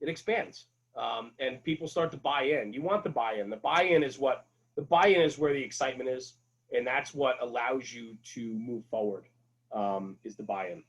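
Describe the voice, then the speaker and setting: Heard through poor audio, a middle-aged firefighter who also hosts a fire-service radio show talks casually about his work as a podcast guest. His voice is medium-pitched and moderately paced, and he comes across as earnest and emphatic, circling back to repeat his main points.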